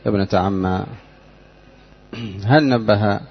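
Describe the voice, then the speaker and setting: A man with a somewhat low voice teaches a grammar lesson. His delivery is measured and explanatory, and he keeps drilling the class with questions. The recording is dull and lo-fi. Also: breathy edge. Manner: drills students with repeated questions.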